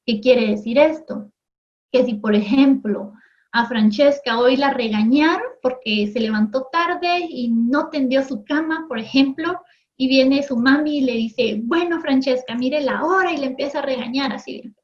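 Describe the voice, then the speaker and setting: Woman teacher, TV lesson, chatty check-ins, slightly high voice, dull lo-fi audio. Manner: conversational, often checks in with "¿sí?" and "¿no?"; acts out everyday voices in quick asides. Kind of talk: recorded classroom lesson for TV.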